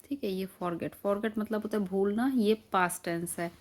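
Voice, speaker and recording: धीरे-धीरे शब्द दोहराती हुई एक शिक्षिका. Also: female voice, medium pitch, fairly even intonation, darkish tone. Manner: repeats each word slowly, patient classroom explaining. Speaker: teacher. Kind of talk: explaining word meanings to children.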